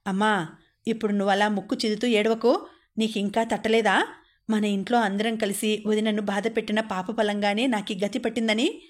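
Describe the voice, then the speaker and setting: A woman's voice: mid-range voice, flat delivery, normal speed, natural voice. Woman reading a forthright young woman. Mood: firm. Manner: firm, forthright. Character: young pregnant woman, studious and outspoken.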